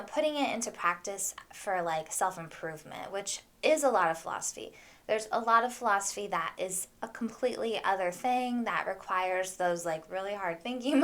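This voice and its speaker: A woman's voice: medium pitch, a bit bright. A woman hosting a solo podcast, talking casually and conversationally as she thinks aloud to her listeners. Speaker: podcast host and housewife.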